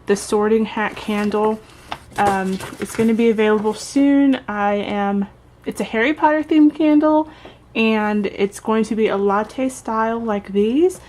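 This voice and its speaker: A woman's voice: on the high side, fairly even intonation, measured pace, a little mellow. A woman vlogger chatting casually, her speech slightly affected by braces. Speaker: vlogger and candle maker. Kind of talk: casual vlog chat. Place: indoors at home. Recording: clearly noisy home recording.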